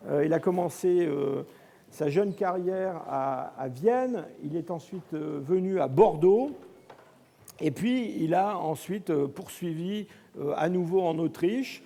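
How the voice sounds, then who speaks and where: Hesitant man with a slightly creaky, mellow voice. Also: fairly high pitch. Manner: hesitant, pausing often. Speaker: host introducing a guest lecturer. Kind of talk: informal spoken introduction. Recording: reverberant lecture hall.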